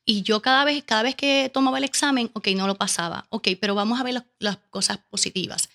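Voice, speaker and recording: A woman with a Caribbean Spanish accent speaks fairly quickly in a slightly high voice with a sharp tone. She's an interview guest, a teacher and educational consultant, casually telling a personal story and animatedly acting out her own questions and remarks.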